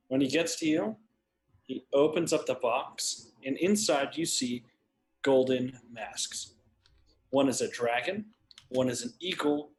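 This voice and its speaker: Man narrating as game master. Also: medium pitch. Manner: descriptive, slows down for detail.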